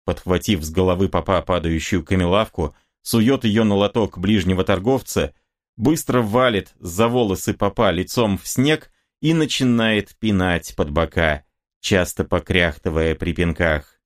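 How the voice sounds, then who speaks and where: A man narrating an audiobook in a vivid, expressive reading. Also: low voice, measured pace.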